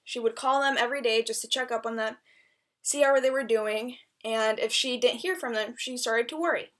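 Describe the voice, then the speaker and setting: A woman with a somewhat high voice delivers a prepared eulogy. She speaks earnestly and deliberately, as someone addressing a speech to mourners, and now and then stumbles over a word. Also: fairly bright tone. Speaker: eulogy speaker, friend of the deceased.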